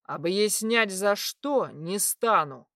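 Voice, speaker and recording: A woman voicing a hulking bear werewolf man who speaks in a low, slow, commanding growl. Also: lively intonation, fairly bright tone, dry recording, studio quality.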